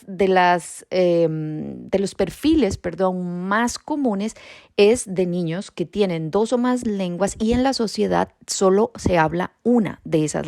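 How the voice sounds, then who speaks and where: A woman hosting a podcast on raising bilingual children, explaining calmly and speaking straight to parents. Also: on the low side. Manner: calm, explanatory, addresses parents directly. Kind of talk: informative podcast talk.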